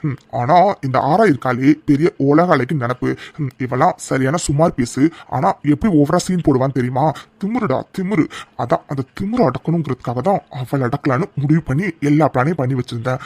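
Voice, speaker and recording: A man's voice: medium pitch, a little fast, darkish tone, no room sound, lightly acted. A man voicing a two-faced young man student in a cartoon serial, boastful and scheming, then falsely pleading. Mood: smug scheming.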